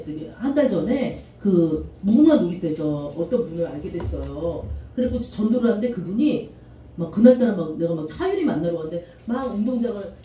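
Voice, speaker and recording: A middle-aged woman pastor preaches a lively, animated sermon, her dark, mellow voice leaping high and low as she often acts out quoted voices. Recorded from somewhat back from the mic in a church sanctuary, the audio carries the room's echo and a faint hiss underneath.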